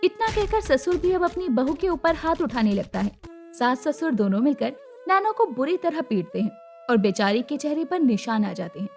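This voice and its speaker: A woman narrates an animated moral story in a dramatic, expressive way. Her voice sits high and moves a lot, with faint music underneath. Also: moderate pace.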